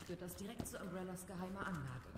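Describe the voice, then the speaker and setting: A woman's voice: fairly low pitch, expressive, quick pace, echoey room, background noise, close to an everyday voice. Ada, a woman voicing a cool curt agent. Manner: curt, cool, matter-of-fact. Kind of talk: dubbed video game dialogue.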